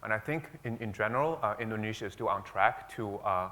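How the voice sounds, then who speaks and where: A man's voice: fairly low pitch, brisk, pushed and bright. A man speaking on a conference panel, hesitant and full of fillers as he explains his view. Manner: hesitant, many fillers and restarts. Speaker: panelist, investor. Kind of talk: panel discussion.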